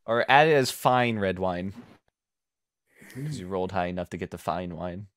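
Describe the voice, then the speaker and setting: Low-voiced man running a tabletop game. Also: expressive, a bit bright, no echo. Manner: halting, with many ums and uhs. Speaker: game master. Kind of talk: narrating a tabletop game over voice chat.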